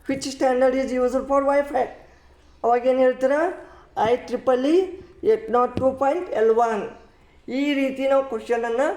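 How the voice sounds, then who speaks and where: In an echoey room, a man delivers a classroom-style exam-prep lecture in a very high-pitched, slightly mellow voice. He goes slowly and repeats his points, reading English questions aloud one word at a time.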